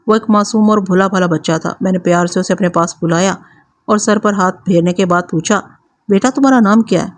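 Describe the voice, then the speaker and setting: A woman storyteller giving a scripted narration of a crime story in a steady, even reading voice. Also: on the low side.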